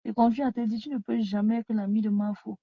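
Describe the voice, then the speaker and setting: Speaking fast in a husky, steady-toned voice on the high side, a female live streamer scolds her viewers repetitively. She lies down at home, addressing a phone she has set down. The dry recording comes through as dull lo-fi phone audio.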